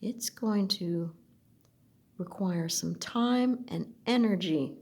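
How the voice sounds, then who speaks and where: A woman slowly looking through an oracle deck, speaking softly and at times dropping to a whisper. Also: mid-range voice. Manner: soft, slow, gently admiring, drifts into whispers. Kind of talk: slow unboxing commentary.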